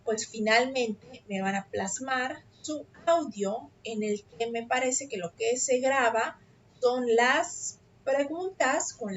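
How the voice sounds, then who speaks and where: Slow, patient woman teacher on a call. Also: fairly high pitch, fairly bright tone, slight background noise. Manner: patient, explanatory, checks understanding with frequent "ok?". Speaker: online English teacher. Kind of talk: explaining an assignment on a video call. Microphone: computer mic on a video call. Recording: dull lo-fi video call audio.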